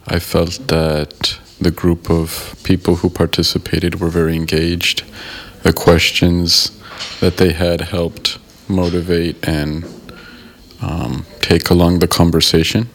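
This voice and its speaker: A man from the United States, a guest in an interview, answering in a thoughtful, measured way and pausing to rephrase. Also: sits low, level tone, a little hiss or hum. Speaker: guest, member of an art collective.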